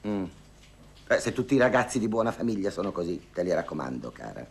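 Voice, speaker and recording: A man with a low voice, speaking very animatedly and quickly with vocal fry and a breathy edge, gives a heavily acted performance. He plays a lonely, wry older woman who gossips, sighs, and complains while haggling on the phone to hire a dance partner. The theatrical monologue carries a bargaining mood.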